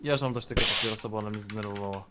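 A man's voice: lowish voice, racing, heavy background noise, lightly acted. A man voicing a scheming male gang member who betrays his boss, speaking in a taunting, confrontational way in an online game role-play. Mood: grumbling.

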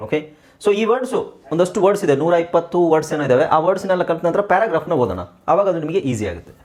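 An English teacher with a Kannada accent, drilling pronunciation by saying each word slowly and then repeating it more quietly, with quick explaining asides in between. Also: medium pitch, sing-song.

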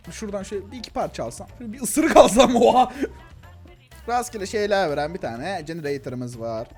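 Excitable young man with a lively voice. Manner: excitable, chatty, talks to viewers as "gençler" and "abi", frequent laughs; voice swings between thin and deep registers. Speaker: gaming YouTuber. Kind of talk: casual Let's Play commentary.

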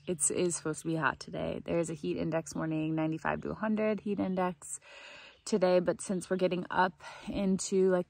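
This young adult hiker films herself on her phone at arm's length in the woods, rambling informally like a video diary. Her fairly low voice is gravelly and carries no room sound, though faint outdoor noise sits in the background.

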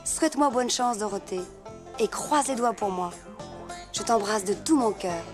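A woman's voice: a little high, lively intonation, moderate pace, over music, close to an everyday voice. A woman narrating as a young girl reading her letters to a friend in a confiding tone. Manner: gentle, confiding.

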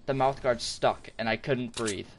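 A man's voice: medium pitch, a little slow, a little hiss or hum. A young man chatting casually while gaming, rambling and thinking aloud. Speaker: gamer.

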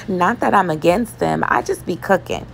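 A woman chatting casually as she cooks in her home kitchen, relaxed and loose, with laughs and fillers. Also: mid-range voice, creaky, a little hiss or hum. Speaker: home cooking vlogger. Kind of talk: casual cooking voice-over.

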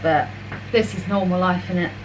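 A woman's voice: lowish voice, normal speed, noisy background. A young woman, chatting informally as she cooks in her home kitchen, filmed by a camera on the counter. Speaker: vlogger. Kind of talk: casual cooking vlog. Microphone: camera on a counter at mid-distance. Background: washing machine running.

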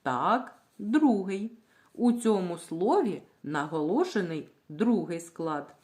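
A woman teaching a reading lesson to young children, sounding out words slowly and clearly, asking questions and then answering them herself. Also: fairly low pitch, lively intonation, a little mellow. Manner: slow, clear, drawing out words syllable by syllable. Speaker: primary school teacher.

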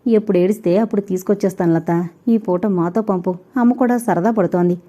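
A woman doing a gentle, coaxing young man. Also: mid-range voice, fairly quick, natural voice.

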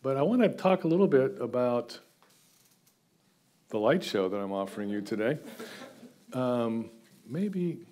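A man in his sixties, from the United States and half Guatemalan, gives an informal, chatty seminary lecture from a lectern to an audience in a lecture room. His mid-range voice is warm and animated, at a measured pace with long pauses, and he's self-deprecating and full of filler sounds. A far camera captures him standing at the lectern.

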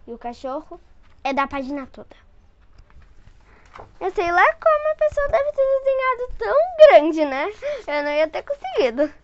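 A woman's voice: extremely high pitch, big pitch swings, normal speed, a little hiss or hum. A woman reading a children's picture book aloud, breaking off for chatty asides and giggles. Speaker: storyteller. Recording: dull dry home recording.

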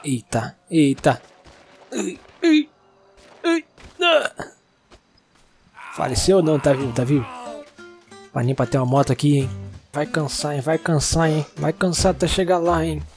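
A young man with a Brazilian Portuguese accent, excitedly narrating a video game and talking to its characters. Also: a little high, brisk, faint music behind. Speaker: gaming YouTuber. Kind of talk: let's-play commentary.

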